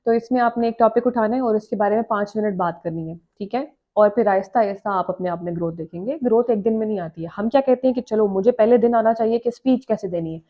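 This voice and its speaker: A woman's voice: medium pitch, quick pace, hardly any pauses, muffled recording. A woman English teacher answering viewer questions in a casual vlog lesson, explaining step by step with simple examples.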